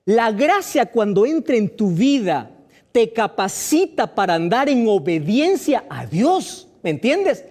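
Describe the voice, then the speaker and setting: Animated preaching man, lively pitch. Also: a little slow. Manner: rhetorical questions to listeners, emphatic and animated. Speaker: pastor. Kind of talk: sermon.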